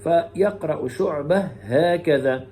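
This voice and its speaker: A man with a fairly high, mellow voice gives a lesson on variant Quran readings. He switches between quick explanations and slow, melodic chanting of the verses. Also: a little hiss or hum. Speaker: Quran recitation teacher.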